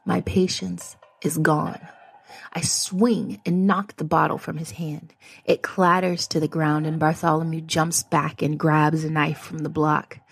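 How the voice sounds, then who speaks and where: A woman reads her own first-person horror story aloud in a measured way, often dropping to a hushed whisper. Her voice is low, with vocal fry and a breathy edge.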